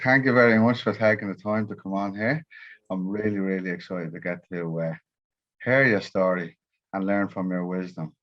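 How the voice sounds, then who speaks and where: A man's voice: on the low side, lo-fi sound. A man hosting a podcast interview, upbeat and friendly, laughing easily with his guest. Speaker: podcast host.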